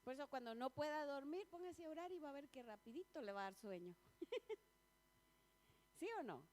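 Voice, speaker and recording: A woman's voice: high voice, lively intonation, a little fast, darkish tone. A woman preaching a sermon in a church, chatty and personal, often asking the congregation questions and laughing between points.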